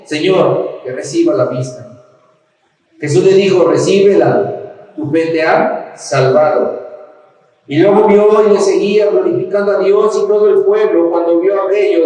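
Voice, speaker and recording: A man from Mexico preaches a sermon in a church hall, his fairly high voice lifting into fervent emphasis. The sound carries strong echo from the room. He stands some way back from the microphone. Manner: impassioned preaching, rising to shouts in quoted cries. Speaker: pastor. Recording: echoey church hall, mic at a distance.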